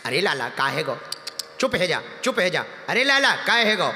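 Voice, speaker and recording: Man playing a stubborn fussing village mother, bright tone, echoey hall, soft music. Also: a little high, sing-song, normal speed, full character voice. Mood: soothing. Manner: firm, then soothing and fretful.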